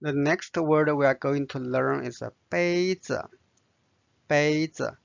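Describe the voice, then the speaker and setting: A man's voice: on the high side, slow pace, creaky, clear, resonant tone, no room sound, dull audio. A man with a Chinese accent teaching vocabulary, patiently spelling out each word and its tone. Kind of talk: slow vocabulary lesson.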